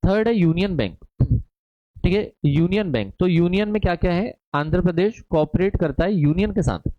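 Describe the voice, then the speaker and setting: A man's voice: sits high, expressive, normal speed, dry recording. A man teaching a live online exam-prep lecture, chatty and repetitive, often checking in with his students. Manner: chatty, repeats "है ना" constantly, reads student chat aloud. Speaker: online commerce exam tutor. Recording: dull dry lo-fi stream audio.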